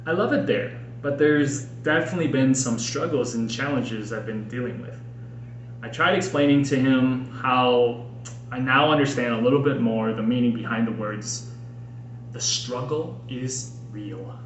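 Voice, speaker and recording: A podcast host and author from Minnesota, United States, reads his own personal writing like a homemade audiobook. His medium-pitched voice is earnest and expressive, with carefully placed phrasing at a measured pace. Noticeable room echo surrounds him, with faint background noise beneath.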